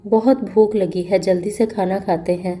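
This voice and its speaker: A woman voicing a kind, gentle young man, a lawyer who talks in a reassuring way. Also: mid-range voice, fairly even intonation, natural voice. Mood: playful.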